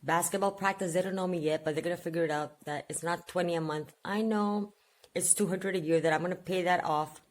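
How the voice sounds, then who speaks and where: A woman's voice: fairly low pitch, fairly even intonation, a little fast. A woman in her forties, a vlogger chatting casually at home and jumping from one subject to the next. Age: 40s. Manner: rambling, chatty, jumps between subjects. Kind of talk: casual vlog chat.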